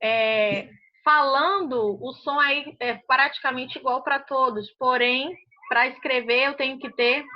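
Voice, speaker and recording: High-voiced patient teacher woman, muffled audio. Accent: Brazilian Portuguese. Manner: patient, checks understanding often. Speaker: English teacher. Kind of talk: online class explanation.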